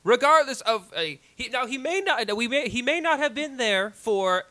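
A man's voice: very high voice, animated, moderate pace, sharp tone, heavily acted. A man playing a wordy, persistent courtroom lawyer who argues formally and stumbles through his case in an improvised mock trial. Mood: argumentative.

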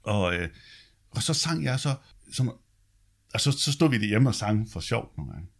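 A man with a low, deep bass voice that is gravelly and husky, telling stories from his past. He chats loosely and keeps checking in with his listener. He drops in casual swear words as he goes. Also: sing-song. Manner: chatty, tags lines with "ikke?", swears casually. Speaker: guest telling his life story. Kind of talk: casual storytelling.

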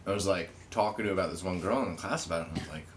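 Low voiced young guy rambling on a podcast, laid back, cussing a lot, light hiss behind. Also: very fast. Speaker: podcast co-host. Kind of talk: casual crude podcast banter.

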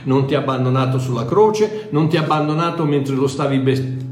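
An older man preaches in a conversational way, speaking directly to his listeners at a middle pitch. He drives points home by repeating short phrases and often restarts mid-sentence. The sound is noticeably echoey, like a reverberant room. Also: fairly even intonation, brisk, darkish tone. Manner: emphatic repetition, self-correcting, conversational. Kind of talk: informal sermon, teaching directly to listeners.

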